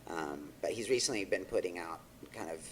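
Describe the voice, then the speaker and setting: A man's voice: low voice, lively intonation, brisk, slight background noise. A man in his thirties from Texas with a faint Texan accent, a record label guest rambling casually with many fillers and restarts. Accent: Texan, mostly faded. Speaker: guest, record label owner and artist manager. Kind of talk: casual podcast chat.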